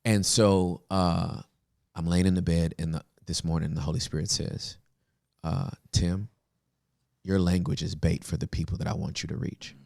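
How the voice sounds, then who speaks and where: A man's voice: deep voice, little pitch movement, moderate pace, gravelly, a little mellow, dry recording, clean studio sound. A male pastor telling stories in a casual, emphatic podcast conversation. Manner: storytelling, emphatic, laughs often.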